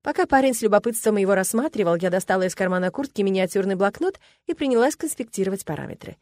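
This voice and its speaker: A woman narrating a first-person story for an audiobook in an even, measured way. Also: mid-range voice, dry recording, clean studio sound.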